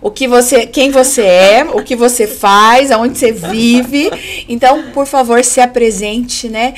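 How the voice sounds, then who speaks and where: A Brazilian woman speaks as a podcast host in a fairly high voice. It is a bit hoarse, as if giving out. Her delivery is casual and effusive, with words repeated for emphasis. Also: measured pace. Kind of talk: casual conversational hosting.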